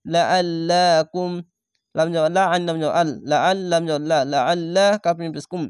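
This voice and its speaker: A man teaching Quran recitation step by step, patiently spelling out letters and vowel marks and slowly drawing out the chanted words. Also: fairly high pitch, steady tone, a little mellow, smooth, no echo, studio quality.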